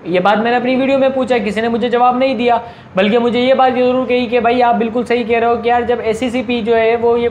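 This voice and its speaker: A man with a high voice and a Pakistani Urdu accent argues a point in a casual video monologue, posing questions and answering them himself. There is slight background noise as this video commentator makes his case.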